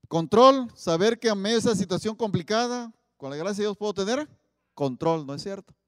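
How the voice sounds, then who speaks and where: A man preaching a sermon, often asking the audience questions and stressing Bible quotes loudly. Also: high-pitched, clean studio sound. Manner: asks the audience many questions, loud emphatic Bible quotes. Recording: long hall reverb.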